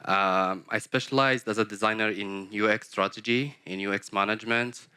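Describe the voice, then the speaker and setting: Moroccan guy running a workshop, deep clear voice, dry sound, lots of uhs. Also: fairly even intonation, moderate pace, sharp tone, no echo. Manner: hesitant, many fillers. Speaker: workshop host, head of design. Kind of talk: workshop presentation. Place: conference workshop room.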